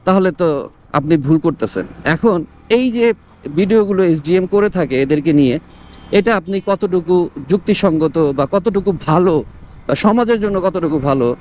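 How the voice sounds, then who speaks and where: A man's voice: sits high, lively intonation, moderate pace, a little mellow. A man with a Bangladeshi accent giving casual opinion commentary to his viewers as a motovlogger, mixing English words into his talk, speaking from inside a helmet. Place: outdoors on the road, talking from inside a helmet. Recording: outdoor traffic and vehicle noise.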